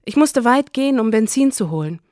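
A woman's voice: a little high, lively intonation, brisk, a little mellow, no echo, clean studio sound, natural voice. A woman voicing an evasive, defensive teenage son in a storybook reading, with curt replies. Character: sullen, evasive teenage son, quick to anger.

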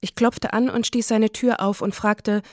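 A woman reading a first-person literary story in a calm, measured way. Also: fairly high pitch, dry recording, clean studio sound. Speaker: audiobook narrator.

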